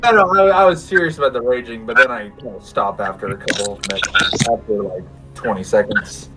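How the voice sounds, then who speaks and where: A player in a tabletop game, dryly describing their character and joking deadpan. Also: medium pitch, fairly quick, over loud music, poor audio. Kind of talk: casual tabletop role-play.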